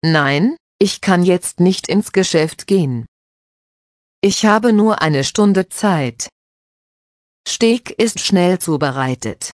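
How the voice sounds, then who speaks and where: A woman voicing a patient mother who calmly explains cooking steps to her children. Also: on the low side, slow pace, no room sound, studio quality. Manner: calm, instructive.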